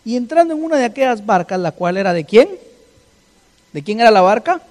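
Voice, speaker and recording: A man preaching a sermon, firing rhetorical questions at his congregation and swinging between loud and soft. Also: high-pitched, big pitch swings, fairly quick. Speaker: pastor.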